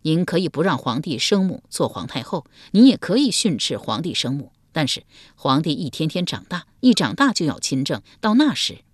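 A woman's voice: low voice, big pitch swings, moderate pace, few pauses, husky, no room sound, clean studio sound, heavily acted. A woman voicing a timid, anxious male court official who answers hesitantly and deferentially, with stammers, in a storybook reading. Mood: pleading.

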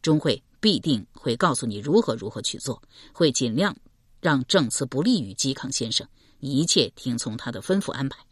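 A woman voicing a calm, scheming male general who explains his plan slowly and carefully. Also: rumbling low, slightly rough, dry recording, studio quality, pitched below the performer's own voice, full character voice. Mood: measured, explaining. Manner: slow measured explaining.

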